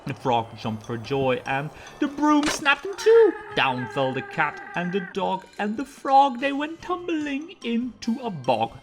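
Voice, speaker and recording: A woman storyteller reading a children's story aloud in an animated narration style. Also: medium pitch, measured pace, few pauses.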